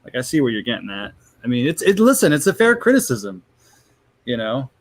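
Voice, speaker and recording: A man's voice: medium pitch, big pitch swings, fairly quick. A man in his thirties, a guest on a livestream panel, explaining himself in frank, rambling casual chat. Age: 30s. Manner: frank, rambling, self-justifying.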